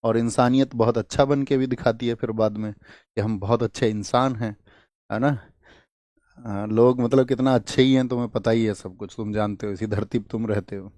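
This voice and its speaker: A young man teaches an online exam-prep class, posing questions to his students, answering them himself, and repeating key words so they stick. His medium-pitched voice is a little mellow, with fairly even intonation at normal speed. There's no room sound in this memory-trick lecture.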